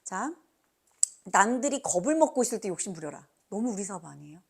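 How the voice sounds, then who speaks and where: Female seminar trainer: urging motivational delivery, highly animated swings in pitch, punchy questions to the audience. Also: fairly quick, gravelly, breathy edge. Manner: emphatic, urging, asks the listeners frequent rhetorical questions; acts out quoted remarks. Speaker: motivational speaker training business team members. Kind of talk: motivational business seminar talk.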